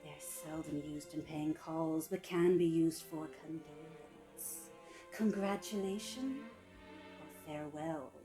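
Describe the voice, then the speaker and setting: Female narrator, sultry and mellow, scripted book reading, soft phrase endings. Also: deep voice, steady tone, soft background music. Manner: sultry, slow-savoring delivery with soft trailing phrase ends. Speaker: reader of a public-domain etiquette book.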